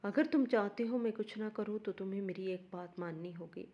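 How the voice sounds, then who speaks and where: A woman voicing a spiteful, threatening sister-in-law with a harsh, shouting manner. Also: mid-range voice, close to an everyday voice. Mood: furious.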